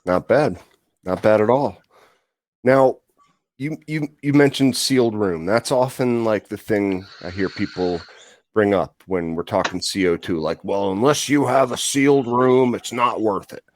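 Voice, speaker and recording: A man's voice: lowish voice, a little slow, dry recording. Rambling, joking male podcast co-host. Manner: joking, rambling, many fillers and restarts. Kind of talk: casual chat.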